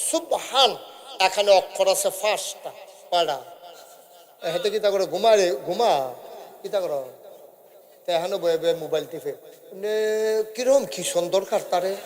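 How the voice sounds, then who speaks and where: High-voiced chanting village preacher. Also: male voice, normal speed, pauses often. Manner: sing-song chanting, quizzing the crowd, joking asides. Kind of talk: Bengali waz sermon.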